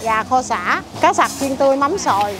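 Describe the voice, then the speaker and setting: In a casual interview, a food-stall owner from a market lists her dishes one by one. She's middle-aged with a Southern Vietnamese accent and an animated, high voice at a moderate pace. Music can be heard behind her.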